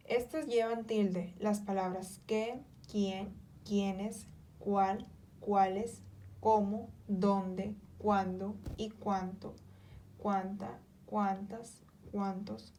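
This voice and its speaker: A woman slowly reading out spelling and accent rules, listing example words one by one in a careful, measured way. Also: medium pitch, steady tone, warm tone, a little hiss or hum.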